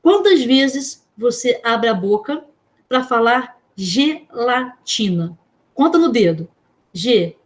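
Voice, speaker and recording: A woman with a Brazilian Portuguese accent gives a lesson in a fairly high voice. She moves through her points step by step, asks the class questions and checks in often. Now and then she slows down to spell out single letters. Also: lively intonation. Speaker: teacher. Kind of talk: online class lecture.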